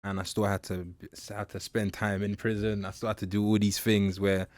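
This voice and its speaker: A young man born in Nigeria, a mentor and public speaker, telling his story in an interview in a halting, reflective way with many fillers. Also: lowish voice, flat delivery, no echo. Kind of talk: candid personal interview.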